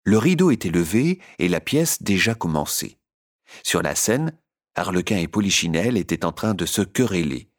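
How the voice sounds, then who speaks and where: A man reading a children's story aloud in an expressive narration. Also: deep voice, normal speed.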